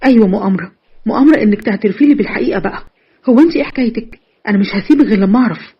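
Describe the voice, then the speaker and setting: A woman voicing an insistent, excitable younger sister in Egyptian Arabic, pressing and frantic. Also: mid-range voice, rapid-fire, slightly rough, muffled recording.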